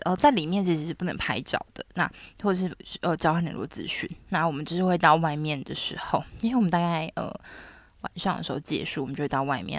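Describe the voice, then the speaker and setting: A young woman tells late-night confessional stories in a lowish, gravelly voice. She is candid and blunt and swears without hesitation. The recording is dry and close. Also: fairly bright tone, dry recording. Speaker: podcast host.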